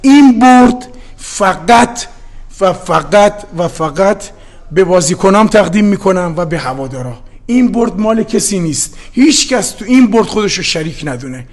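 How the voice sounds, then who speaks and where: A man from Gilan with a Gilaki-tinged accent and a strikingly high-pitched voice, speaking as a football head coach. He delivers a heated, defiant post-match interview with great passion. He is middle-aged. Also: animated. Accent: Gilaki-tinged Persian. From Gilan, Iran. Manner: impassioned, defiant speech.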